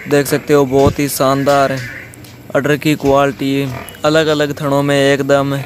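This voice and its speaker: Man giving flat, repetitive sales patter. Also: medium pitch, unhurried, a little hiss or hum. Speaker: channel host showing buffalo for sale. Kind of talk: video tour commentary. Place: outdoor dairy farm yard.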